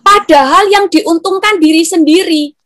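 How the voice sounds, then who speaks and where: Woman pastor teaching, high voice, quotes people, very dry close sound. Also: normal speed, a bit bright, no room sound. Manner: teaching, quoting people, rhetorical questions. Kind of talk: sermon-style answer.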